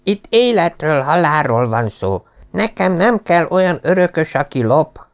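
Man voicing an old aristocratic father: stern, commanding, raised and gravelly, storybook reading. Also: fairly high pitch, sing-song, voice pushed up. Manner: scolding, commanding.

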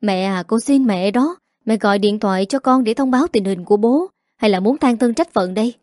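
A woman voicing a young office worker, a worried daughter who pleads gently, in a mellow dry voice. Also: medium pitch, fairly quick, no room sound, natural voice. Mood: pleading.

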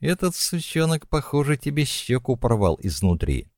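A man's voice: medium pitch, very animated, normal speed, darkish tone, dry recording, clean studio sound, voice pushed up. A man voicing a tough, commanding young woman who talks with bossy, cool self-assurance. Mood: calm.

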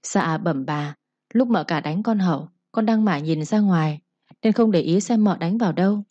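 A woman's voice: fairly low pitch, moderate pace, mellow, no room sound, muffled recording, lightly acted. A woman voicing a sly young servant girl who speaks deferentially with feigned innocence.

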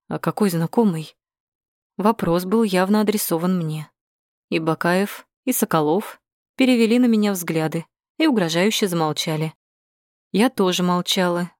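A woman narrating a first-person audiobook in a measured, steady way. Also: fairly low pitch, dry recording, studio quality.

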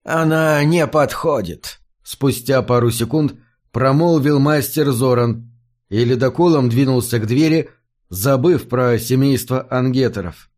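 A man reads a first-person story as an audiobook narrator. His voice sits in the middle range, and his telling is even and measured. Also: medium pitch.

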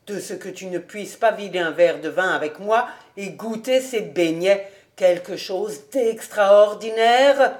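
A woman's voice: medium pitch, unhurried, lightly acted. A woman doing a teasing, jovial gourmand. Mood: coaxing. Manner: teasing, half-serious. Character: jovial well-off man, teasing, fond of food. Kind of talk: audiobook character reading.

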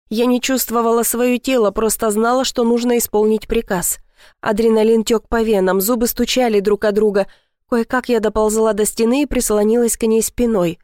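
A woman's voice: medium pitch, a little mellow, dry recording. Female audiobook narrator, first-person thriller, dramatic delivery, dry close sound. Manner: tense, dramatic reading with voiced dialogue.

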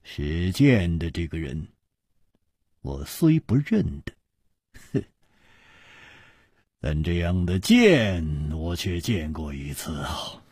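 Male storyteller as a relaxed, chuckling hero, slow and gracious, gravelly. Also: low voice, dry recording, studio quality, voice pushed down, exaggerated voice. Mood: musing.

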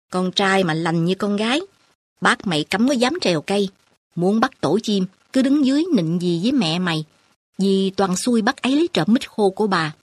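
Woman reading chatty village aunt, teasing, brisk, husky, dry close sound. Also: medium pitch, no echo. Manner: brisk, teasing country talk.

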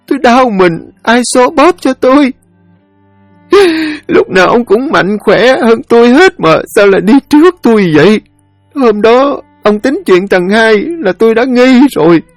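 A man's voice: very high-pitched, dry recording, voice pushed up, heavily acted. A man voicing a grief-stricken elderly widow who sobs and pleads in a lament for her husband.

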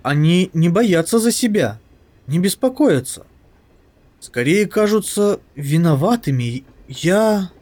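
A man's voice: sits high, sing-song, slow pace, a little mellow, voice pushed up, exaggerated voice. A man voicing a thoughtful young woman soldier.

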